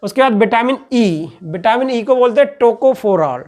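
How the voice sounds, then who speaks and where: A male teacher gives a classroom-style lecture in an extremely high-pitched voice with lively intonation and a measured pace. Patient and repetitive, he asks questions, then answers them, repeating "ठीक है" after each point.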